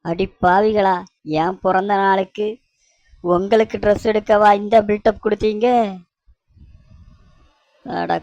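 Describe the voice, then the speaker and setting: A woman's voice: medium pitch, steady tone, slow, pauses often, darkish tone, no echo, dull audio. A woman voicing a bewildered, grumbling young husband in a cartoon, complaining sarcastically. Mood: exasperated. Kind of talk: cartoon voice acting.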